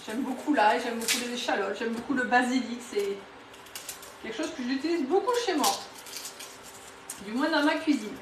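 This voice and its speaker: A woman's voice: on the high side, noisy background. Chatty southwestern French woman, roomy kitchen. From southwest France, near Toulouse. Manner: chatty, enthusiastic, many fillers and restarts. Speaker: home cooking demonstrator on a live stream. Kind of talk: live cooking demo with viewer greetings. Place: home kitchen. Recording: roomy, a bit distant from the mic.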